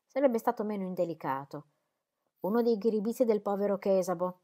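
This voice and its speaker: A woman reading the lines of an impatient, indignant gentleman in an audiobook, in a pressing, earnest way. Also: mid-range voice, brisk, natural voice.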